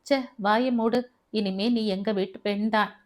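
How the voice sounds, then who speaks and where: A woman's voice: medium pitch, fairly even intonation, unhurried, lightly acted. A woman voicing a harsh, cruel older woman who scolds and threatens her captive. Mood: menacing, scolding.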